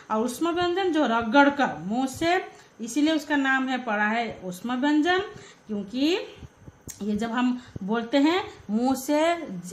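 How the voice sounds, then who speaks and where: A woman teaching a school grammar class with an Indian accent, slowly sounding out letters and words and repeating them for pupils. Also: a little high. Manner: slow, drawn-out syllable-by-syllable demonstration.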